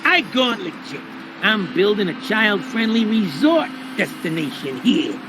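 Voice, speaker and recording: A man's voice: sits high, big pitch swings, measured pace, noisy background. A man voicing a small, cocky, foul-mouthed rat hustler in a cartoon video game. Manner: cocky, gruff slangy talk.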